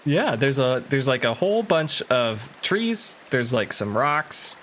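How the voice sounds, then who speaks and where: A man's voice: medium pitch, sing-song, slow, a bit bright, slight background noise. A man narrating casually as game master of a tabletop game. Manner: casual, loose narration with fillers.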